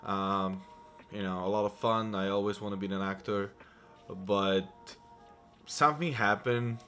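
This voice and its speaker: A man's voice: on the low side, steady tone, measured pace, a bit bright, soft background music. A man in his thirties from Poland with a Polish accent, telling his life story to camera in a chatty, rambling way with many restarts. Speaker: vlogger. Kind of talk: casual personal storytelling to camera.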